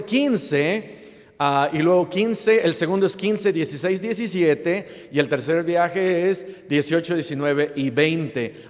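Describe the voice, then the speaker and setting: High-voiced preacher in a reverberant church. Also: male voice. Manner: asks the congregation playful rhetorical questions; frequent fillers and restarts. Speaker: pastor. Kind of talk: sermon. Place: church sanctuary. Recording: long reverb of a church hall.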